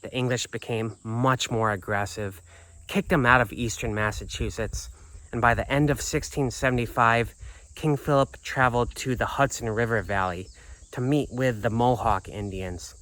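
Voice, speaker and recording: A man's voice: mid-range voice, steady tone, moderate pace, a bit bright, no room sound, poor audio. A man vlogging outdoors at historic sites, explaining history in an earnest, informal way. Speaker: travel vlogger.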